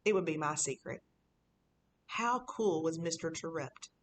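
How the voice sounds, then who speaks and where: Voicing a boastful, sneaky fifth-grade boy, a woman with a low voice reads a first-person children's book at a slightly slow pace with lively intonation. The telling is casual and conspiratorial, its mood pleased and impressed.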